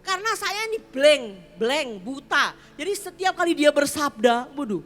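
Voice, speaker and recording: Woman pastor, high voice, chatty sermon storytelling, faint music behind. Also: big pitch swings, moderate pace, fairly bright tone. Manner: chatty storytelling with playful Jakarta slang. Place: church.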